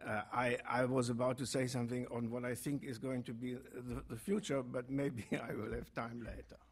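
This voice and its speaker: Husky man giving a hesitant panel talk. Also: medium pitch, level tone, moderate pace. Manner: hesitant, with many fillers and dry asides.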